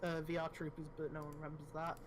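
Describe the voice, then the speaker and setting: A man's voice: on the high side, completely flat delivery, fast talker, a loud crowd. A man co-hosting a casual podcast chat, rambling with lots of fillers and swearing. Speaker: podcast co-host. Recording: noisy amateur podcast audio.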